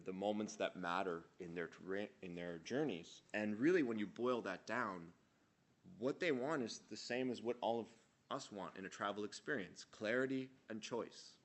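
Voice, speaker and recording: A man from Canada giving an earnest, measured conference presentation. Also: fairly low pitch. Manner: earnest, measured, slows for emphasis. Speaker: conference speaker. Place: conference hall.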